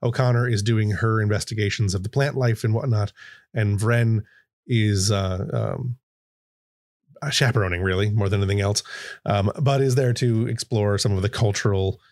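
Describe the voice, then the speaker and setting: Man, game master, halting narration, fairly low voice, dry close sound. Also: steady tone, a little mellow, no room sound. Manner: hesitant, many fillers and restarts. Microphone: streaming mic.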